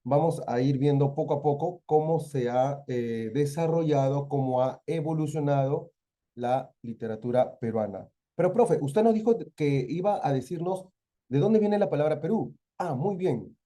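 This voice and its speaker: A young adult Peruvian man gives an exam-prep literature lesson in a Peruvian Spanish accent. His voice sits a little high but sounds very mellow and dark. He keeps up a lively back-and-forth, asking the students questions and then answering them himself. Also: moderate pace. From Peru. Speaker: teacher.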